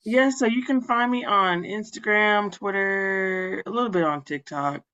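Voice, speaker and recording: A woman's voice: mid-range voice, a little slow, fairly bright tone. An upbeat woman librarian talks through classroom tools on a video call. Her voice sits mid-range and the audio is a bit dull and muffled. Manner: explains tools step by step, upbeat. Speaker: school librarian and podcaster. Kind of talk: casual webinar chat.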